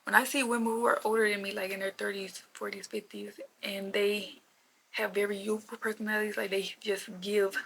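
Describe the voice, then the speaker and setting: Young woman vlogger in her twenties, casual rambling rant, bright gravelly fry, flat delivery. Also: mid-range voice, a little fast, poor audio. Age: 20s. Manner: chatty, repetitive, lots of "like" fillers.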